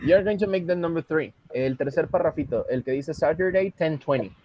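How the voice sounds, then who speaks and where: Husky-voiced teacher explaining patiently. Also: male voice, a little high, normal speed, dry recording, lo-fi sound. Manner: patient, explains step by step and mixes Spanish with English. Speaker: English teacher. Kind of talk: online English class.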